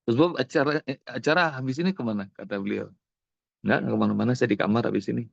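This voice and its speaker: A man's voice: mid-range voice, fast, gravelly, no room sound. Man, preacher, storytelling sermon, dull lo-fi recording. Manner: animated storytelling, acting out dialogue.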